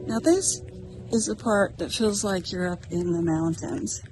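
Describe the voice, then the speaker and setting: Outdoors in a park and partly in a parking lot, a middle-aged American vlogger speaks to camera with a musing, slightly self-conscious casualness. Her mid-range voice keeps a measured pace, with music in the background and poor audio.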